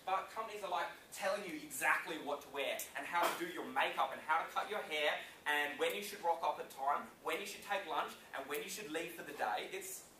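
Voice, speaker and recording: A young man in his twenties giving an energetic motivational conference talk, constantly checking in with the crowd with "okay?" and "yeah?". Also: on the high side, a little hiss or hum. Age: 20s. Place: conference room before an audience. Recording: echoey room, mic at a distance.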